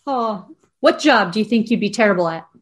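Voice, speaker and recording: A woman's voice: mid-range voice, expressive, fairly quick. A woman hosting a casual interview, asking questions in a friendly, upbeat manner. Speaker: interview host.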